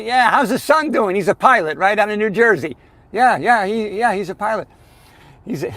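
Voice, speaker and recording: A man's voice: high voice, fairly bright tone, dry recording. A man in his sixties hosting a live stream, chatting in an upbeat, motivational way. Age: 60s. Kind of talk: casual live-stream chat.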